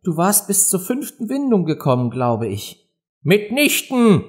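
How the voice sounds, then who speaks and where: A man's voice: on the high side, very animated, normal speed, darkish tone, voice pushed up. A man voicing a touchy, stern mouse in an audiobook, strict and offended.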